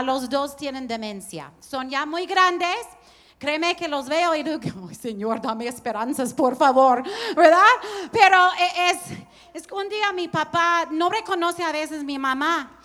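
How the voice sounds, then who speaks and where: A woman preaching a sermon, telling stories in an animated way and laughing along. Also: high voice, in a large hall. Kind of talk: storytelling sermon.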